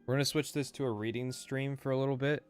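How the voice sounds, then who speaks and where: A man's voice: medium pitch, steady tone, quick pace, smooth, soft background music. A man streaming live, chatting casually in a rambling, profane way with lots of fillers.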